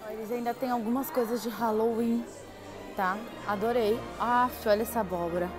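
With music in the background, a young woman from Brazil gushes and chats to her viewers during a casual vlog through indoor theme park gift shops. She speaks at normal speed in a high-leaning voice with fairly even intonation.

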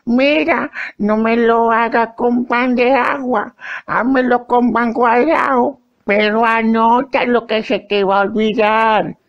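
High, gravelly old wife, drawling slowly and demanding, muffled radio. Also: male voice, steady tone, exaggerated voice. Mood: bossy. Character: bossy old wife nagging her husband.

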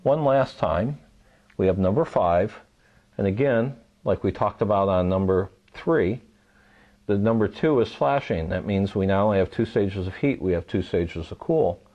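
A man calmly walking through a step-by-step how-to demonstration, patient and methodical, repeating key points. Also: fairly low pitch, normal speed, dull audio. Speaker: home repair instructor.

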